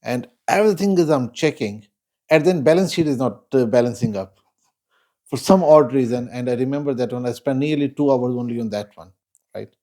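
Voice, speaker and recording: Guy telling his life story in an interview, soft mellow voice, slow and thoughtful with lots of pauses. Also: medium pitch. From Pakistan. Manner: measured and reflective, pausing often. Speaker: guest.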